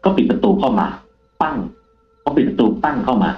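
Animated man telling a ghost story. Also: medium pitch, brisk, echoey room, muffled recording, soft background music. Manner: animated, acts out the quoted lines himself. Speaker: guest storyteller, taxi driver. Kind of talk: telling a ghost story on a live talk show.

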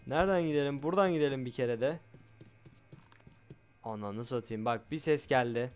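A man giving excitable let's play commentary on a game, loud and jumpy, swearing often and talking straight to his viewers. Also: mid-range voice, quick pace, smooth. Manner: loud, shouts a lot. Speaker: gaming YouTuber.

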